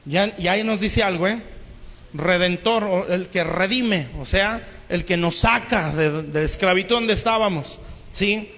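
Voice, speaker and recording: High-voiced pastor preaching in a hall. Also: male voice, measured pace, fairly bright tone. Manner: keeps asking the congregation "¿sí?". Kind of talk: sermon. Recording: long hall reverb.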